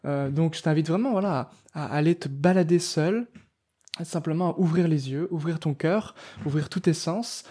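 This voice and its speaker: A man explains poetry writing in a relaxed, informal way, speaking directly to the listener and often stopping to restart a phrase. His voice sits a little high yet sounds mellow and soft. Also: breathy edge. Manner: direct, informal, many fillers and restarts, addresses viewer as tu. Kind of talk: casual spoken tutorial to camera.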